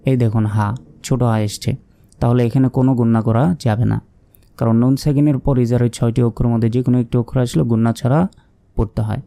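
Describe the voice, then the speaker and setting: A man's voice: medium pitch, dark tone, no echo. A man teaching Quran reading step by step, spelling out letters and marks, asking questions and then answering them patiently.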